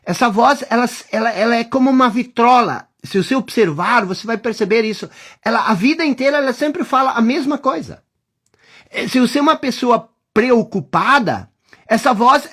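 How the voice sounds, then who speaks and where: A course teacher speaking with a Brazilian accent, at a moderate pace and with lively intonation in a medium-pitched voice, gives a reflective lesson. The listener is addressed head-on with repeated rhetorical questions, and the delivery sometimes drops to a hush.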